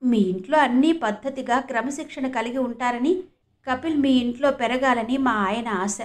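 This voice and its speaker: A woman's voice: fairly high pitch, normal speed, natural voice. A woman reading the part of a sorrowful middle-aged stepmother who speaks in a subdued, grieving way.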